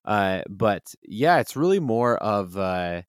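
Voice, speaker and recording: A man's voice: lowish voice, sing-song, takes it slowly, clean tone, no echo, studio quality. A man who designs and publishes games, answering interview questions in a rambling, enthusiastic way with many fillers and restarts.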